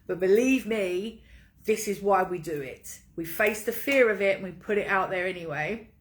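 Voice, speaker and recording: A woman's voice: medium pitch, normal speed. A woman coaching an online group in a casual livestream, talking informally in an emphatic pep-talk way that leans on repetition.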